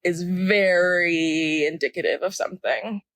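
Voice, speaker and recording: A woman's voice: on the low side, a little slow, a bit bright, dry recording. A young woman co-hosting a podcast, ranting in a heated, profane, casual way about things she hates. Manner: ranting, heated and profane, laughing at her own story. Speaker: podcast co-host. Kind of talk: casual chat.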